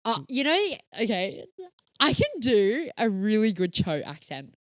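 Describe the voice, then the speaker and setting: A young Australian woman chatting as a podcast guest, animated and quick to laugh. Her voice sits at an ordinary pitch. The recording is close and dry. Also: no room sound. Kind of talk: casual podcast chat.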